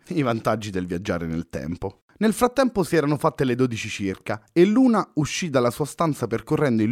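A man reading a story aloud in a steady, even way. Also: fairly low pitch, no room sound, clean studio sound. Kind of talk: scripted story narration.

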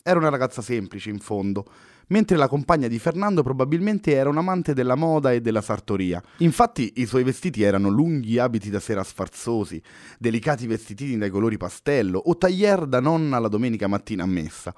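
Guy reading a story out loud, steady even pace, middle pitch, dry close sound. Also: fairly quick, dry recording. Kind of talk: scripted story narration.

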